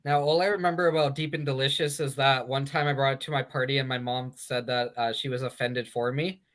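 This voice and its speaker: A man's voice: mid-range voice, steady tone, fairly quick, a bit bright. A man hosting a sports betting podcast, chatting casually with many fillers and restarts. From Canada. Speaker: sports betting show host.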